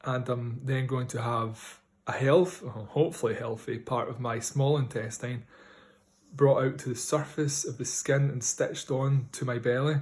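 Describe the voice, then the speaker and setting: A man's voice: mid-range voice, a little mellow. Man with a broad Scottish accent. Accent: strong Scottish. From Scotland. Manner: speaking carefully to be understood. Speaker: vlogger. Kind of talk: casual personal video diary.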